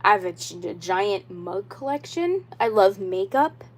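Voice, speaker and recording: This doll YouTuber, a young woman in her twenties, speaks in a mid-range voice that's very animated yet unhurried as she hosts a casual livestream. She keeps circling back to the same ideas, insisting earnestly, with "like" and "you know" filling nearly every sentence.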